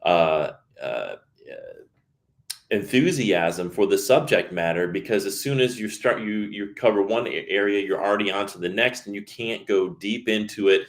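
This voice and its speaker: A man in his fifties hosting an interview, asking long, deliberate questions and affirming the guest's points. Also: fairly low pitch, animated. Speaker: host. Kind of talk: conversational interview.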